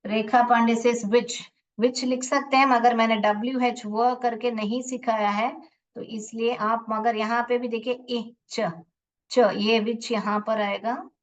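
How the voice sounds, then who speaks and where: A woman teaching an online phonics lesson, sounding out words syllable by syllable and patiently asking her class questions. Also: fairly high pitch. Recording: voice a little distant from the mic.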